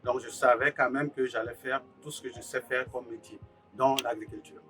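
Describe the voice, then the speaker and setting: A man from Burkina Faso, an agricultural technician who co-founded a farm, gives a hesitant interview testimony full of filler sounds. His medium-pitched voice is flat and moderately paced, picked up by a somewhat distant mic with faint music underneath.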